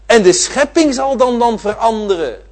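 A man preaching a sermon, repeating his phrases and swinging from loud declarations to quiet asides. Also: very high voice, lively intonation, moderate pace. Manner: emphatic, repeating phrases with swelling and dropping volume.

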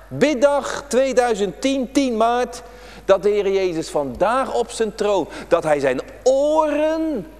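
A man's voice: high-pitched, darkish tone, long reverb tail. A man preaching an emphatic, repetitive prayer-day sermon to children in a church. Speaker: pastor.

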